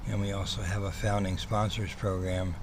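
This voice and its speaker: A man's voice: low-pitched, flat delivery. Man with missing front teeth, lightly whistling speech. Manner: rambling, hesitant, halting with repeated words. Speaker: host, cat rescue operator. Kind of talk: casual livestream update. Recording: clearly noisy ambient background.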